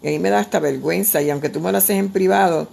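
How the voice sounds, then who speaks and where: A woman's voice: fairly low pitch, quick pace, vocal fry, darkish tone. A woman, preaching earnestly in a conversational way, with frequent restarts. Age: 60s. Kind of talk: sermon-style exhortation.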